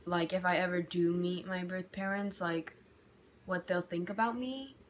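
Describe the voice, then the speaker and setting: Sitting by a window in her bedroom at home, a young woman from the United States rambles candidly about her feelings in a personal vlog, saying "like" often, restarting, and getting heated when frustrated. She speaks at a moderate pace in a lowish, steady voice, with a little hiss or hum in the audio.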